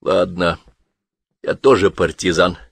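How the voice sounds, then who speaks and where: A guarded young soldier, as a male narrator plays him, speaking in calm, terse replies close to the reader's own voice. The sound is dry and close. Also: medium pitch, normal speed, dry recording, pitched above the performer's own voice, natural voice.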